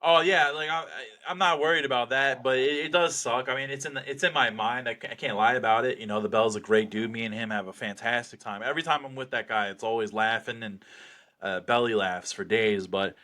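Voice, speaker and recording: A man with a bright, punchy voice at an average pitch gives a casual interview as a fighter. He talks with cocky bravado and swears freely, like someone selling his next bout. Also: brisk. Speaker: professional slap fighter being interviewed.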